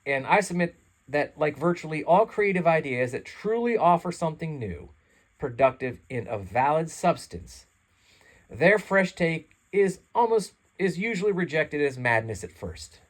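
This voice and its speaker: At a normal speed and with large pitch swings, a channel host with a congested, somewhat high voice reads his own essay from a chair. The reading is earnest, meandering, and self-deprecating and closes with a relaxed sign-off, while his home microphone picks up some chair rubbing.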